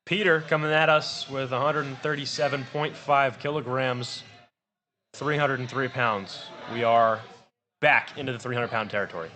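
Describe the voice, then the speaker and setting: A male announcer at a powerlifting meet, reading out names and weights in a bright, sharp voice. He talks fast and trips over the numbers now and then. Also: medium pitch. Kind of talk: live announcing. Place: powerlifting gym.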